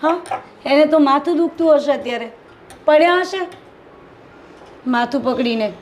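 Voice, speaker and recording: Woman as a complaining daughter-in-law in a film drama, Gujarati accent, high-pitched, aggrieved. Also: normal speed, a little mellow, slight background noise, close to an everyday voice.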